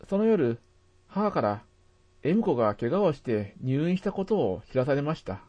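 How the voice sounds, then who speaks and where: A man narrating a first-person memory as a steady, measured scripted reading. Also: a little high.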